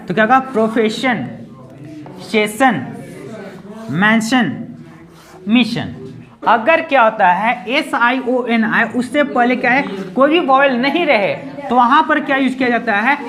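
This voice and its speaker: A woman teaches English word endings in Hindi. Her voice sits fairly high. She drills each example by saying it, asking a rhetorical question, then saying it again. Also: a bit bright. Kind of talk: Hindi-language pronunciation lesson.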